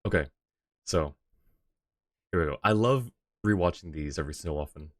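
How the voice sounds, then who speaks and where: A game streamer and host, deep-voiced and animated, talks at a moderate pace, casually commentating and musing aloud in a rambling way. The recording is dry and studio quality, though game music plays behind his voice.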